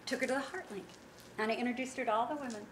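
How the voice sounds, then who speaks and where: A woman's voice: on the high side, very fast. A woman founder of a women's business network, giving a motivational talk to an audience and telling stories with acted-out quotes. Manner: animated storytelling with acted-out quotes. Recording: roomy echo, faint background noise.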